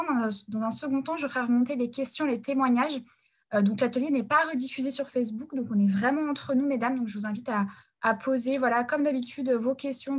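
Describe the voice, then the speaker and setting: A woman hosts an online webinar over a video call, her voice sitting a little higher than most. She speaks haltingly, often pausing on fillers and repeating words as she goes through the practical points. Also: breathy edge. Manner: hesitant, many fillers and restarts. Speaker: webinar host and support worker. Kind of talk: hosting a live webinar.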